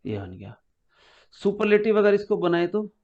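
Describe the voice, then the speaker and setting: A man's voice: high-pitched, very animated, normal speed. A man teaching an English grammar lesson to a class, explaining step by step and quizzing his students. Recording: muffled lo-fi recording.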